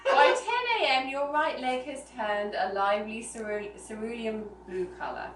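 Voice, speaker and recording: At a small gathering, a woman reads a story aloud in live storytelling fashion, her fairly high voice lively in intonation and moving at a moderate pace. The noisy, roomy recording was made with a distant mic.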